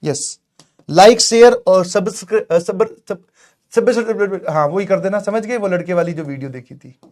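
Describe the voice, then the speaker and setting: A man's voice: high voice, moderate pace, a little mellow. A man teaching math in a lecture, playful, acting out both sides of a dialogue with his students.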